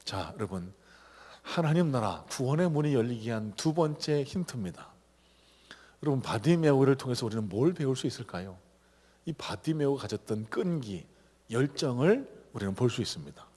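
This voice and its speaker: Animated pastor preaching in a reverberant church. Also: male voice, normal speed, slightly rough. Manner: lively preaching that rises to loud calls and drops low; acts out shouted cries and quoted voices. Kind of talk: sermon. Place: church sanctuary. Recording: long hall reverb of a church.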